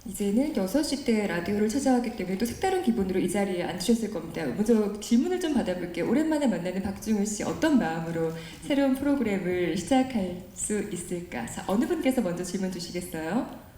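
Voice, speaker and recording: A woman talks fast in a mellow, animated mid-range voice while hosting a press event, courteous and coaxing like a cheerful public radio host. The indoor press room sounds roomy, with background noise throughout.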